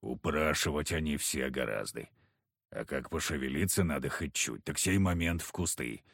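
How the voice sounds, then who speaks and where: A man voicing a gruff, sullen big village hunter who grumbles curtly. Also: a bass voice, normal speed, fairly bright tone, dry recording, studio quality, pitched below the performer's own voice, heavily acted. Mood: grumbling. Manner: grumbling, curt.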